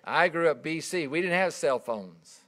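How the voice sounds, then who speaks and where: This middle-aged preacher has a higher voice with lively intonation and a fairly bright tone, moving at a moderate pace. His sermon is earnest and emphatic, built on stories delivered with swelling and dropping volume.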